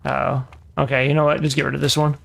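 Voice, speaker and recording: Gravelly man muttering through a building game. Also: medium pitch, little pitch movement, fast, fairly bright tone. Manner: muttering to himself, frustrated asides and self-corrections. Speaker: gaming video creator. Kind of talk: casual gameplay commentary.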